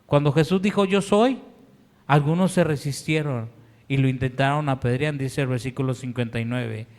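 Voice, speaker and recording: A man's voice: fairly high pitch, a little mellow. A man with a Mexican Spanish accent, a pastor preaching a sermon in an earnest, pleading way in a church. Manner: earnest, pleading, slow deliberate delivery. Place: church sanctuary. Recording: long hall reverb.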